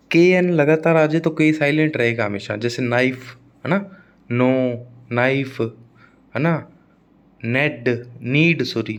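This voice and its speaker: Casting: young Indian male exam tutor, Hindi-accented English, slow deliberate delivery, repetitive drilling. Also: medium pitch. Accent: Hindi-speaking Indian English. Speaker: exam prep teacher. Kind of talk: classroom lecture on phonetics.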